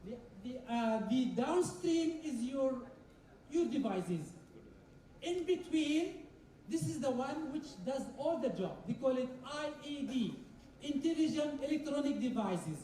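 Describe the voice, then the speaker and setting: Speaking slowly in a high, mellow, animated voice, a conference speaker from Kuwait explains technical material step by step. She repeats phrases and asks her listeners questions. The sound is echoey and distant, as if from a hall, with slight background noise.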